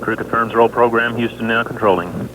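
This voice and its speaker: A man giving live flight status commentary from mission control in clipped, factual callouts. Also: fairly quick. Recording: noisy broadcast with steady rumble.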